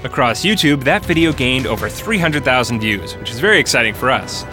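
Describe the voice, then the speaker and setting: A man's voice: mid-range voice, animated, a little fast, music in the background. A young man co-hosting a gaming podcast, joking around with a goofy, sing-song swagger. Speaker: podcast co-host. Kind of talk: playful gaming podcast banter.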